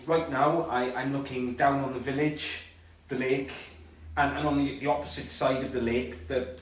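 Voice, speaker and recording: An actor playing a frightened village taxi driver and father, radioing for help in a halting, stammering, pleading way. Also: mid-range voice, fairly even intonation, lightly acted. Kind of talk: audio drama acting. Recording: echoey, distant, faint noise.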